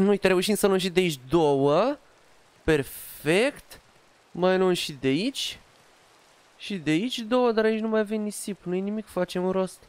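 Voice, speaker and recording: A man's voice: high-pitched, slight background noise. A man casually commenting as he plays a building game, chatting to himself and to an in-game dog. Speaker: gaming youtuber. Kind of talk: casual Minecraft let's play commentary.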